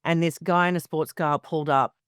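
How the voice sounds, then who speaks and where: A woman in her forties tells candid stories as a podcast guest, frank and animated. Her voice is smooth and clear. It is close and dry, with no room sound. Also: deep voice, fairly quick, dry recording. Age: 40s. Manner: animated storyteller, frank and swearing. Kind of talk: candid casual interview.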